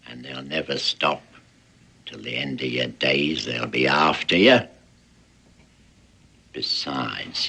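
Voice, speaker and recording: Gruff, gravelly old sea dog. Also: male voice, very deep voice, bright, forceful tone, heavily acted. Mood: menacing. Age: older. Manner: gruff old seaman's folksy, sly coaxing. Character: wheedling, menacing old sea dog blackmailer, male. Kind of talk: period western screen acting.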